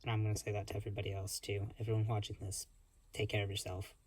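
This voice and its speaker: A man's voice: on the low side, completely flat delivery, fast talker, far from the mic, poor audio. Chatty man streaming a game. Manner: chatty, reads on-screen game text aloud with asides. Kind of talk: casual gameplay commentary.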